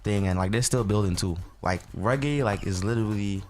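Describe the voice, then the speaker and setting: A lowish, brisk male voice, with faint music in the background. He's a soca artist from Barbados whose accent drifts between Bajan and American, and he answers interview questions in a relaxed, rambling way packed with fillers.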